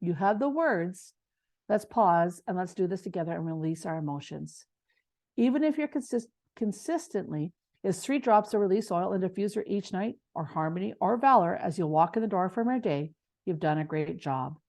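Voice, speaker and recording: Woman co-teacher, mellow tone, passionate, rambling delivery with stumbles. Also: on the low side, expressive, normal speed. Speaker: essential oils class co-teacher. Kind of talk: casual online class.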